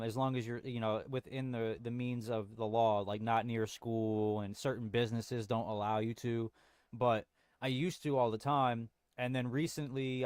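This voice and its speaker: With clean studio sound and no echo, a young man hosts a home livestream, chatting in a rambling, slangy manner with many restarts and plenty of "bro." His voice is medium-pitched, clear and resonant.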